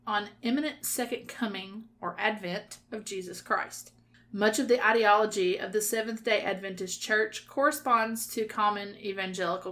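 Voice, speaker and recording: A woman's voice: medium pitch, a bit bright. Southern Kentucky woman co-hosting a podcast. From Kentucky, USA. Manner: reads notes aloud, stumbles on names, laughs at herself. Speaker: podcast co-host. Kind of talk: casual true-crime podcast chat.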